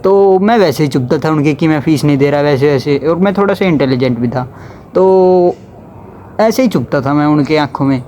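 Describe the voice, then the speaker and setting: A young man tells a casual storytime in a high-pitched voice that thickens when he quotes relatives and teachers. His delivery is chatty and loose. A faint hum of background noise sits under the recording. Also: normal speed, warm tone. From Haryana, India. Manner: chatty, slips into dialect when quoting others.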